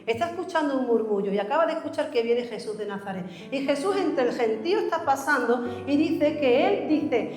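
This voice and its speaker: A woman preaching a fervent sermon to her church, voicing the crowd and the blind man as she retells the story. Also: sits high. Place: church hall. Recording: echoey hall reverb, church mic, soft music behind.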